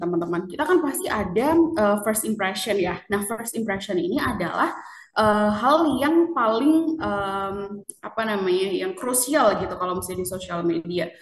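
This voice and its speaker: A woman's voice: on the high side, reverberant, distant mic. Chatty woman giving a marketing class. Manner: chatty, asks the audience questions. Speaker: marketing workshop presenter. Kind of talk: casual spoken lecture.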